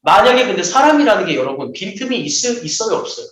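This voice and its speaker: A man's voice: high-pitched, fast talker. A man preaching a sermon to children, telling stories and acting out the voices of the people in them. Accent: Seoul Korean. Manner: lively, acts out quoted voices. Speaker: children's pastor. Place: church hall. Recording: echoey room.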